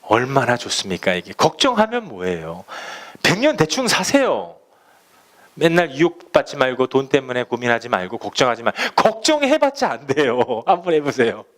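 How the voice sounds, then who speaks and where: A middle-aged male pastor preaching a conversational sermon, acting out prayers and quotes with sudden loud bursts. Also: medium pitch, sing-song, normal speed.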